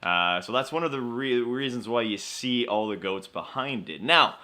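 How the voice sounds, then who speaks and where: A man's voice: medium pitch, lively intonation, normal speed, bright, forceful tone. A young man co-hosting a casual beer chat, explaining history with wry humor. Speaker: co-host of a beer show.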